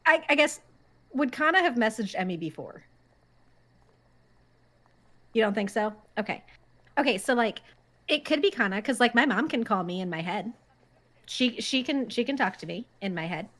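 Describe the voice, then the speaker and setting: A woman's voice: a little high, animated, brisk, a bit bright. A woman playing a tabletop game, talking in a hesitant, rambling way. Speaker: player. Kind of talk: casual tabletop play.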